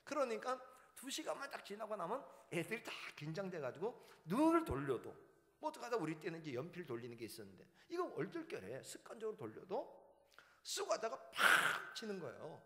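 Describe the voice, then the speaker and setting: A man preaching a revival sermon as pastor, telling stories with lively, acted-out voices. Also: high-pitched, a little fast. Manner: animated storytelling, acting out shouting teachers. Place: church sanctuary. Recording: church hall reverb.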